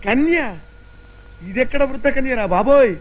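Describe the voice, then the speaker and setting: A man's voice: very high voice, normal speed. A man playing a priest in a film comedy, wailing and lamenting theatrically. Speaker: priest performing the wedding.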